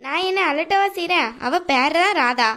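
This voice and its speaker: A nagging middle-aged mother-in-law from a cartoon, voiced by a woman, always scolding and mocking. Her voice sits high. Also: animated, moderate pace, bright, forceful tone. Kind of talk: cartoon voice acting.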